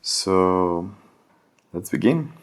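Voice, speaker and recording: A man in his thirties from Ecuador, a podcast interview guest, speaks English with an Ecuadorian Spanish accent in a low, animated voice at a very slow pace. He's hesitant, full of fillers and searching for words. The recording sounds clean.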